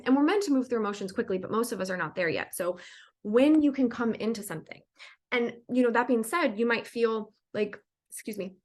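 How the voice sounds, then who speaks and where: Chatty woman giving a spiritual talk. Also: medium pitch. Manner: chatty, meandering, lots of "like" and "right?". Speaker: spiritual channel and guide. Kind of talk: casual spiritual teaching monologue.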